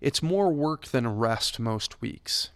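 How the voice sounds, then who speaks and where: A man's voice: mid-range voice, expressive, slow pace, clean tone, dry recording, clean studio sound. A man who works for a church, giving a conversational devotional Bible talk with touches of light humor.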